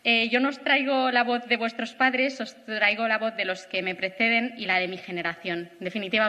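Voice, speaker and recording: A thirty-year-old woman speaks from a stage in a large auditorium, her talk earnest and reflective. Her voice sits high and bright. The hall adds a long reverb. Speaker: conference speaker. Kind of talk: prepared lecture.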